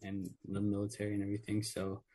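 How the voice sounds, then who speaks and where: A man's voice: on the low side, completely flat delivery, fast talker, warm tone. A man born in Mexico, a radio guest and Air Force veteran, talking earnestly with many fillers. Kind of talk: casual radio interview.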